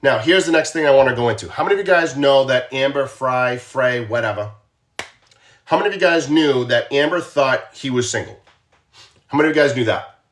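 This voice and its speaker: The voice is medium in pitch and a bit bright: a Boston-accented former law enforcement officer chatting casually on a true crime livestream. He repeats himself and frequently turns to viewers with questions.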